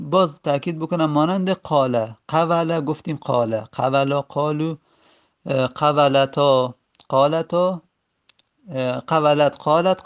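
A man teaching a grammar lesson, patiently repeating each form aloud with frequent hesitations. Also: fairly high pitch.

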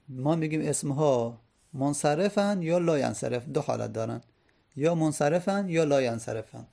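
A man's voice: on the high side, creaky, warm tone. A man teaching Arabic grammar, patiently repeating each point and example.

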